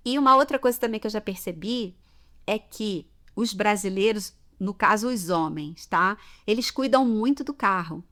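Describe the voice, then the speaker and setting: A woman's voice: medium pitch, moderate pace, a bit bright. A Brazilian woman with a Brazilian Portuguese accent, giving a chatty podcast lesson on everyday customs and often checking in with "tá?". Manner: chatty, explains with examples, frequent "tá?" check-ins. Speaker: language teacher.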